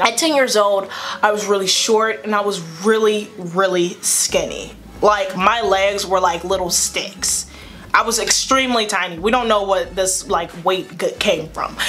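Young woman vlogger, casual animated storyteller, mid pitch, faint music bed. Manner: animated, chatty, slangy storytelling.

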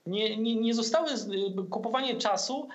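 Polish man, 50s, high-pitched, hesitant commentator on a webcam call. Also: normal speed. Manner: hesitant, many fillers and restarts. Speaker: political commentator guest. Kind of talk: video-call political discussion. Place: room at home. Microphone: laptop webcam on video call.

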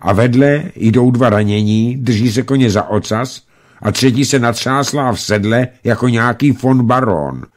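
A man reading a story aloud and voicing a young village boy, suspicious and shrill. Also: natural voice. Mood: excited.

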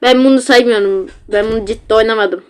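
This gamer, a woman with a Turkish accent, jokes at her own expense while playing a horror game from her seat at home, captured by a facecam's built-in microphone. She talks briskly in a fairly even, clean, high-leaning voice, chatty and quick to get flustered.

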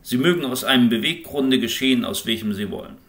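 A man's voice: mid-range voice, fast, a bit bright, voice pushed up, lightly acted. A man reading the lines of a sober, reasonable young man who argues in a firm, lecturing way.

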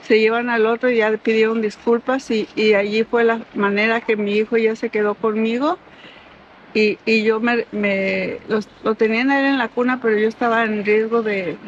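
Woman retelling a hard memory, halting. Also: on the high side. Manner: halting, emotional retelling with many restarts. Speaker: mother telling her story. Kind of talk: personal storytelling. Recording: dull lo-fi recording, faint noise.

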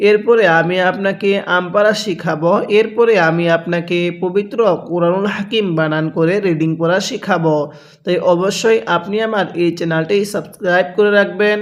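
A man teaching Quran reading, spelling out syllables and repeating them in a steady drill, asking his own questions and answering them. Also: sits high. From Bangladesh. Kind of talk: spelling-out recitation lesson.

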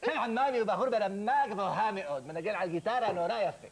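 High-voiced man telling a comic story. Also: a loud crowd, low-quality recording. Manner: animated, self-mocking, acts out scenes. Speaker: comedian guest. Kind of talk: comic storytelling on a talk show.

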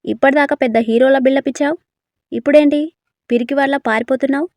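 A woman reading a bold, teasing young woman who fires back quick playful retorts in a storybook tale. The voice sits a little high and sounds close and dry. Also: darkish tone, dry recording, natural voice.

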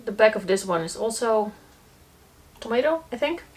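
Sitting on the floor in a small laundry corner indoors, this young eco-living vlogger demonstrates a laundry test for the camera. Her voice is slightly high and a bit mellow, with lively intonation at a moderate pace, and she thinks aloud in a casual, matter-of-fact way while handling each piece.

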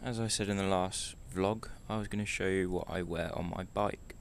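A man's voice: low voice, steady tone, normal speed, vocal fry, a little hiss or hum. A hungover young man talking offhand and chattily, casually showing his kit as a motorcycle vlogger. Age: young adult. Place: small bedroom indoors.

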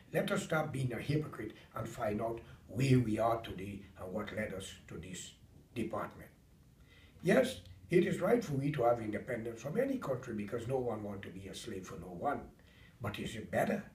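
A man's voice: fairly low pitch, slight background noise. A middle-aged man from Guyana with a Guyanese accent, giving an impassioned political rant straight to the camera from his dining room. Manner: impassioned, preachy, rising to loud emphatic peaks. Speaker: political commentator. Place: home dining room, indoors. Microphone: camera several feet away. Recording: roomy, distant camera mic.

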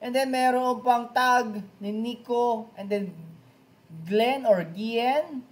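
Speaking slowly in a very high-pitched voice, a man hosts a boxing news vlog. He reads out comments, reacts with dramatic, chatty exclamations, and keeps using a nickname for his fans.

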